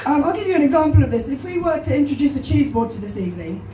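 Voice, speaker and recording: Recorded from far back in an echoey small club, this English stand-up in her twenties talks very fast in a high, hoarse, croaky voice. Her self-deprecating jokes come out deadpan through a handheld stage mic. Background noise and audience laughter fill the live room.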